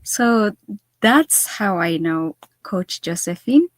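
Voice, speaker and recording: A woman from Ethiopia hosting a live stream on her business page, excited and bubbly and laughing often. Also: mid-range voice, slow pace, no echo. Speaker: host.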